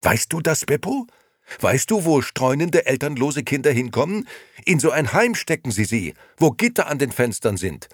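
A man's voice: mid-range voice, sing-song, moderate pace, no room sound, studio quality, pitched above the performer's own voice. A man voicing a young male storyteller who answers evasively and pleads in a frightened, hasty way in a storybook reading. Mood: anxious.

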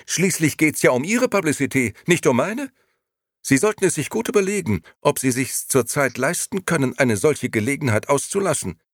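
A man's voice: mid-range voice, very animated, vocal fry, breathy edge, no room sound, voice pushed up, full character voice. A male reader voicing an indignant, insistent lady reporter in a dry recording. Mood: heated. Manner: affronted, insistent, fast-talking.

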